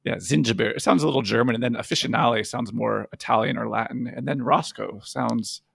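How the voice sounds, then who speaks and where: Gravelly, husky-voiced man explaining science. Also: medium pitch, a little fast, a bit bright, no room sound. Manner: explains science plainly, laughs easily. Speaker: podcast co-host, physician. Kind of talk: casual podcast chat.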